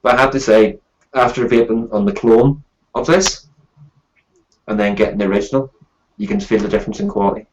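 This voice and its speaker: A man with a fairly low voice hosts a casual live stream. He talks informally, like a reviewer chatting with regular viewers. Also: brisk, poor audio.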